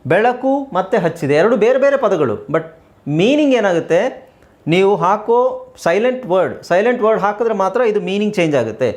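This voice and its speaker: A middle-aged male teacher with a Kannada accent walks through an English lesson, spelling words letter by letter and repeating them. His voice sits a little high and swings widely in pitch as he explains. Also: sing-song, darkish tone. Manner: explains patiently, repeats words, slow deliberate spelling aloud.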